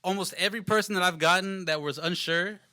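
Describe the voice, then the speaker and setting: Bright high-voiced man, rambling and profane. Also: fast, no echo, clean studio sound. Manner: profane, rambling, laughs often. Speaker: podcast guest. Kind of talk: casual podcast chat. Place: podcast studio. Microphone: studio microphone with headphones.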